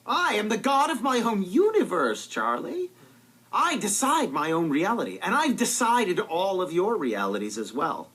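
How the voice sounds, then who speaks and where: A man's voice: sits high, huge pitch swings, moderate pace, a bit bright, slightly rough, full character voice. An actor playing a vain young man declaring himself a god in a sitcom, grandiose and theatrical. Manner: grandiose, theatrical, then sheepish.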